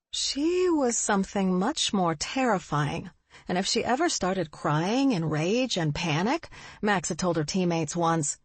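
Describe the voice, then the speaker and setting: A woman narrating an audiobook in an expressive, husky voice on a close studio mic. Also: fairly low pitch, no room sound.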